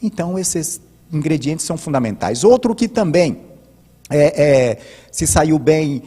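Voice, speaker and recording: Man analyzing speeches, husky, reverberant. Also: fairly high pitch, expressive, measured pace, mellow. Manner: didactic, many hesitant filler restarts. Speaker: host and commentator. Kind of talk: spoken commentary on political speeches. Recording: long hall reverb.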